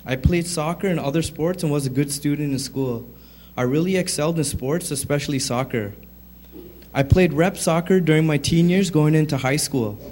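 A man's voice: fairly high pitch, normal speed, a little mellow, slight background noise. A man in his thirties, born in Sri Lanka and raised in Canada, reading his personal testimony to a congregation. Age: 30s. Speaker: testimony speaker.

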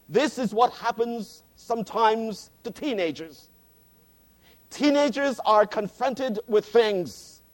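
A man in his fifties preaching a sermon, earnest and emphatic, repeating key phrases for stress. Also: sits high. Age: 50s.

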